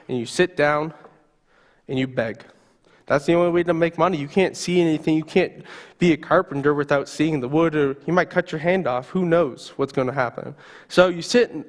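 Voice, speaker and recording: A man's voice: a little high, in a large hall. A male pastor preaching a sermon, telling a story vividly in the second person.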